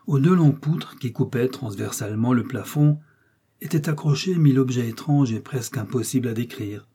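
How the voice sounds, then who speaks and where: A male audiobook reader narrating a nineteenth-century story at a measured, descriptive pace. His voice is dark and mellow, with a husky, slightly breathy grain. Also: mid-range voice. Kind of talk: scripted narration of a 19th-century short story.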